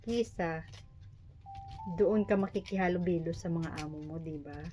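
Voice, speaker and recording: With music playing underneath, a woman speaks at a moderate pace in a fairly low pitch. She's a Filipina in her forties who vlogs from a small private room, missing her front teeth, making food while joking around and teasing herself.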